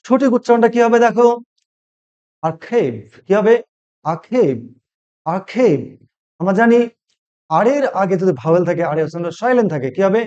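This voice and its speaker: Speaking fast in a high, slightly mellow, clear and resonant voice, a Bengali-native man teaches English pronunciation. He says each word again and tests the listener on it, and the recording has its highs cut off.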